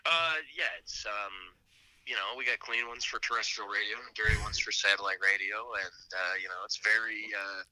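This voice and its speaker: Low-voiced congested man on speakerphone. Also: a little fast, bright, forceful tone, dry recording, low-quality recording. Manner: laid-back, hedging, lots of fillers. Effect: speakerphone call held up to the mic. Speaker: music producer on a call-in. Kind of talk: casual phone chat.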